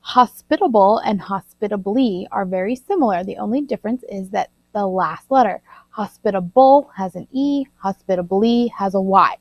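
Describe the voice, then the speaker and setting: A woman teacher recording a vocabulary lesson, slowly enunciating and spelling out words. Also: mid-range voice, no echo. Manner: slow, deliberate word-by-word spelling and enunciation. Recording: dull lo-fi recording.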